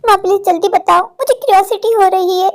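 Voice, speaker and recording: Very high-pitched and fast-talking, this woman voice-acts a Hindi cartoon role: a headstrong modern college girl who begs and argues with her mother, saying "maa" over and over.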